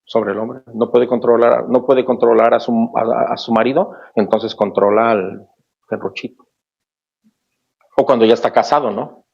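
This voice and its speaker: Gravelly, husky male pastor preaching. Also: mid-range voice, steady tone, moderate pace, darkish tone. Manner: preaching with rhetorical questions. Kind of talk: sermon and closing prayer. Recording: dull lo-fi recording.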